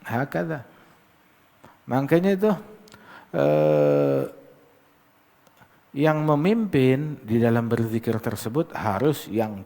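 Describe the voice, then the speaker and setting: A man preaching, animated and teasing, mimicking hurried recitation and firing rhetorical questions. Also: mid-range voice, creaky. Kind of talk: sermon. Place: mosque gathering. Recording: long hall reverb.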